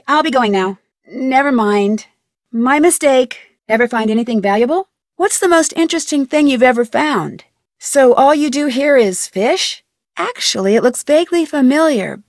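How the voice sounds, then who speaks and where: A woman with a high voice performs a young amateur detective in a video game, curious and persistent, asking crisp questions in a polite, earnest way. The studio-quality recording has no room sound.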